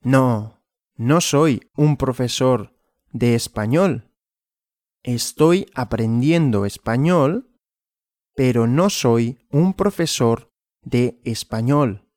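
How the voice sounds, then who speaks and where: A male Spanish teacher gives a slow, graded language lesson of questions and answers, speaking very slowly and deliberately, repeating himself and asking himself questions. His medium-pitched voice has lively up-and-down intonation. The recording is dry and close.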